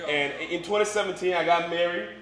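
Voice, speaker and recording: Speaking fairly quickly in a high voice, a man in his 20s or 30s jokes and chats his way through an informal sermon as a campus minister, dotting it with "you know" and "right." He is from Liberia and moved to Boston at thirteen. The large room before his live congregation sounds echoey, with faint background noise.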